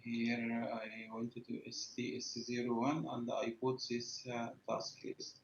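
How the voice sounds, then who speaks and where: A man on a conference call, a trainee asking for help in a remote session, talking in a hesitant, halting way. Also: medium pitch, monotone, slight background noise. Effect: voice coming over a conference call. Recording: dull lo-fi call audio.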